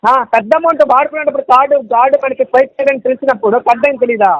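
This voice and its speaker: Pushy fast-talking recovery agent man. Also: very high voice, no room sound. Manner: insistent, talks over the other man, repeats sums. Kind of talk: heated phone argument. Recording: muffled phone call recording.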